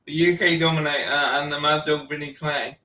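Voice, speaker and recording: A man hosting a casual wrestling chat, relaxed and chatty, laughing often. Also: on the high side, fairly quick. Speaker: podcast host. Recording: roomy echo, distant mic.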